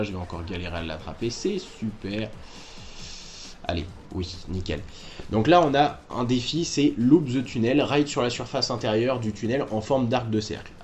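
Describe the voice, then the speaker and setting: A man's voice: on the low side, darkish tone. Chatty French-speaking man narrating gameplay. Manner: chatty, self-correcting, addresses viewers directly. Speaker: gaming walkthrough host. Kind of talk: casual game commentary.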